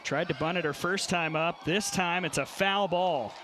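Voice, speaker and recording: A man calling live softball play-by-play in clipped, punchy phrases. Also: sits high, normal speed. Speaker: play-by-play announcer. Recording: noisy stadium crowd behind commentary. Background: crowd and outdoor ballpark noise.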